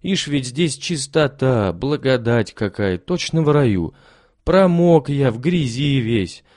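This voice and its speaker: A man's voice: medium pitch, lively intonation, takes it slowly, a little mellow, dry recording, clean studio sound. A man voicing a timid, humble old soldier who talks meekly and gratefully in a storybook reading. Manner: meek, pious, grateful.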